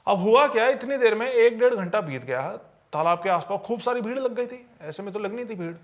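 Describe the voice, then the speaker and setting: A podcast storyteller with a strikingly high-pitched male voice recounts eerie paranormal tales. He talks fairly quickly with lively intonation, keeping it conversational and looping back to repeat and rephrase lines for emphasis.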